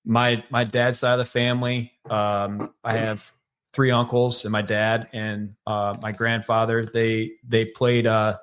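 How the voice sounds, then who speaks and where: A man with a Michigan accent, a podcast guest telling his life story in a relaxed, rambling way with many fillers. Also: fairly low pitch, a little slow, smooth. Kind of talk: casual storytelling conversation.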